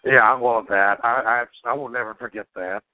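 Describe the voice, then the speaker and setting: A man riffing in a deadpan, rambling way, pausing on fillers as he builds a joke. His voice is mid-pitched and comes through a narrow, phone-like channel. The recording is dry, with no room around it. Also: dry recording. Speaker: podcast co-host. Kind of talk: crude casual banter.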